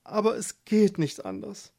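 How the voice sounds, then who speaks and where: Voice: medium pitch, big pitch swings, a little slow, darkish tone, voice pushed up. A narrator voicing a desperate young pregnant wife in a storybook, pleading. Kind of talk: storybook reading.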